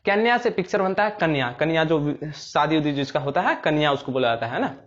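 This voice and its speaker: Playful high-voiced teacher. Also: male voice, lively intonation, fairly quick, fairly bright tone, muffled recording. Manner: playful storytelling, acts out little scenes in rustic dialect. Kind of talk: explaining memory tricks for exams.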